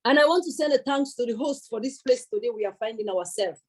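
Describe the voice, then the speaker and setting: A woman's voice: a little high, quick pace, husky. A young woman giving an earnest public speech at a celebration, emphatic, repeating her key words and thanking many people. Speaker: speaker at a celebration event.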